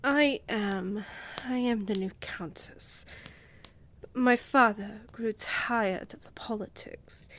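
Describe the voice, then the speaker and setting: For a fantasy audio drama, a woman voices a commanding vampire countess, speaking slowly and regally with cool indulgence and condescending affection. Her breathy, medium-pitched voice is a bit bright and often sinks toward a whisper, and her mood is composed and gracious.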